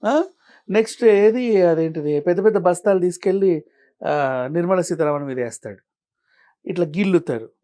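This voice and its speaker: A man answering as an interview guest, arguing his point with a stream of pointed rhetorical questions and shifting from calm explaining to heated. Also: high-pitched, normal speed, pauses often. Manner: argumentative, fires rhetorical questions. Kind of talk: studio interview.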